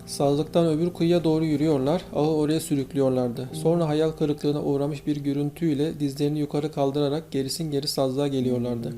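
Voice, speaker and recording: Mellow-voiced male audiobook narrator. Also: a little high, a little fast, hardly any pauses. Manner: steady storytelling. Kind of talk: scripted narration. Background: faint guitar music.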